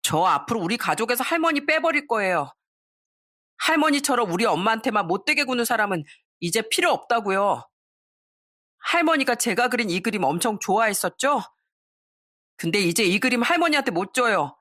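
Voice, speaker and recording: Lady doing a defiant 11 yr old boy, high voice, pointed and reproachful. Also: big pitch swings, fairly quick, a bit bright. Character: eleven-year-old boy, resentful and defiant.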